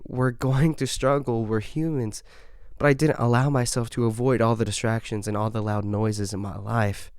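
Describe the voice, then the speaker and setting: A man's voice: medium pitch, no room sound, clean studio sound. A young man hosting a faith podcast, telling a personal story in an earnest, conversational way, often checking in with a "right?". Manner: earnest, conversational, frequent "right?" tags and soft laughs. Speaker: podcast host. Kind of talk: faith podcast testimony and encouragement.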